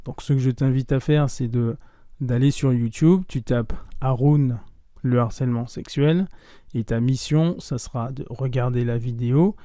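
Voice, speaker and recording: A man teaching spoken French in a casual lesson, saying each phrase carefully and then again in quick, clipped everyday form. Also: medium pitch, fairly even intonation, mellow, no room sound, clean studio sound. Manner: repeats phrases slowly, then in fast clipped native form.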